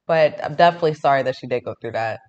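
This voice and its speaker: A podcast co-host talking casually, hedging and thinking aloud. The voice is mid-pitched and comes through dull and muffled. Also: rapid-fire, darkish tone. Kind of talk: casual chat commentary.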